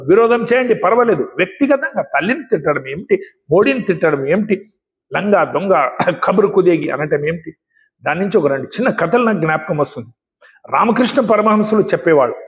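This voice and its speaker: High-voiced man with a Telangana Telugu accent. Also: muffled recording. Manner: emphatic, repetitive, scolding. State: coughing now and then. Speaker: speaker. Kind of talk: political monologue with parables. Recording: long hall reverb.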